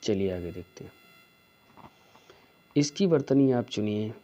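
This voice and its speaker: Male tutor, slow and mellow, drilling correct spellings; lo-fi recording. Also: lowish voice, expressive, slight background noise. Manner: slow, repeats each answer with a checking "theek hai". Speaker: Hindi teacher. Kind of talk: exam-prep spelling lesson.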